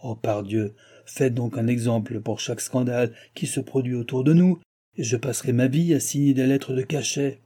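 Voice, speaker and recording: A man's voice: mid-range voice, steady tone, moderate pace, warm tone, husky, natural voice. A man voicing an aging, evasive king in an audiobook, exclaiming in exasperation. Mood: exasperated. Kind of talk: audiobook reading.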